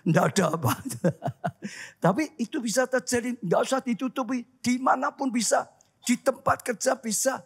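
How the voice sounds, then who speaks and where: A male pastor preaching a lively sermon, often calling out to the congregation. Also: extremely high pitch, husky. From Indonesia. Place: church hall.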